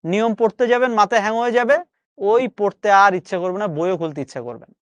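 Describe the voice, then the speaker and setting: Brisk and high-voiced, a man with a Bangladeshi Bengali accent leads a live online spelling lesson, coaxing his students, repeating each word for them to drill, and chatting colloquially along the way. The recording is dry.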